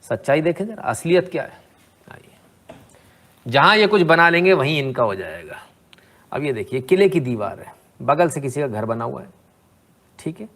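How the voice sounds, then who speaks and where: A man commenting on debate clips in a sarcastic, rhetorical way, often asking the listener "hmm?". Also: a little high. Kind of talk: opinionated video commentary.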